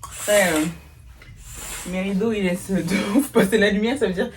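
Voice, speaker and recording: A woman's voice: mid-range voice, moderate pace, noisy background. A young woman chatting casually in a home vlog from her bedroom, slangy and self-mocking. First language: not English. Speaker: vlogger.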